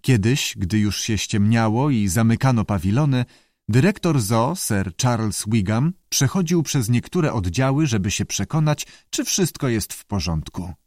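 Brief: expressive male narrator, animated pitch, dry studio audiobook read. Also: a little slow, no room sound. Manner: expressive storytelling.

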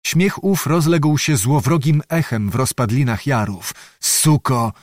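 Steady male audiobook narrator, dry sound. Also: mid-range voice, unhurried, no echo.

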